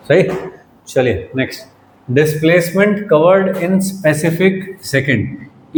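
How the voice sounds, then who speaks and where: A man's voice: fairly high pitch, a little mellow. A man teaching a physics class in casual Hindi, quizzing his students and teasing them now and then. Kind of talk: classroom lecture. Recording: echoey room with faint noise.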